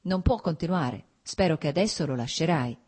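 A woman's voice: deep voice, animated, normal speed, a little mellow, slightly rough. A woman reading aloud, voicing a distraught young noblewoman who speaks in a trembling, tearful, pleading way. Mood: anguished. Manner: trembling, pleading, close to tears.

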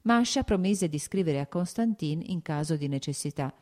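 A woman calmly narrating a classic novel as an audiobook reader. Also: low-pitched, moderate pace. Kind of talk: scripted literary narration.

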